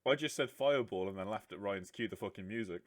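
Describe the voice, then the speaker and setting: An excitable, sweary man chatting casually as a player in a tabletop game. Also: lowish voice, quick pace. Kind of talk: casual chat during a game.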